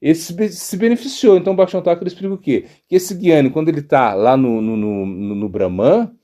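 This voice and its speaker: Animated monk telling a story. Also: male voice, on the high side, fast. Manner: animated storyteller, frequent "né?" and restarts. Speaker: monk teaching devotional philosophy. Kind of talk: storytelling spiritual talk.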